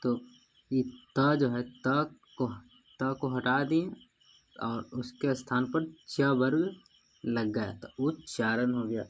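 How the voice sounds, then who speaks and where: A male teacher walks students through a grammar rule at an unhurried, deliberate pace. He repeats each point several times and spells words out syllable by syllable. His pitch sits in the middle range for a man. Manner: repeats rules, asks "ठीक है ना" often. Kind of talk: grammar lesson.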